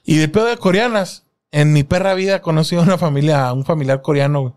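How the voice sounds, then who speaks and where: A young man with a Mexican accent chats casually as a podcast co-host. His talk is crude and full of slang. His voice sits a little high. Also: fast, darkish tone. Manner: crude slang-heavy banter. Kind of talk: casual chat.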